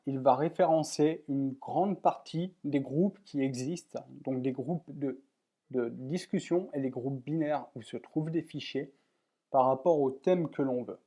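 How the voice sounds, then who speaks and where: A man's voice: medium pitch, darkish tone. A man walking viewers through a computer program step by step in a plain, methodical screen-recorded tutorial, with many fillers. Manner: plain, methodical explaining with frequent "voilà" and fillers. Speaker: software tutorial presenter.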